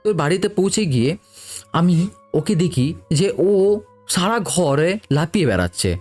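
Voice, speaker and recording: A man's voice: on the high side, sing-song, moderate pace, darkish tone, soft background music. A man narrating a true ghost story in the first person, in a casual, conversational way.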